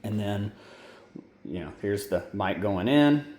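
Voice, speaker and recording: With lively intonation but a slow delivery, a fairly low, slightly mellow male voice casually guides listeners through his homemade gear setup. The hobbyist rambles and corrects himself often in this informal how-to, where the roomy recording has faint ambience and slight background noise.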